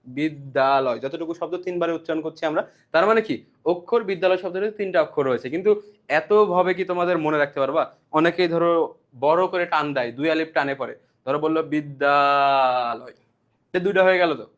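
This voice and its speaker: A young man teaching an online exam-prep lesson. He explains step by step, asking quick rhetorical questions and answering them himself. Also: high-pitched, fairly bright tone. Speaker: admission-prep tutor.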